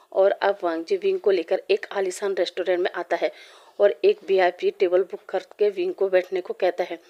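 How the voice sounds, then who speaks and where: A woman narrating a fan-fiction story in steady, short phrases. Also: medium pitch.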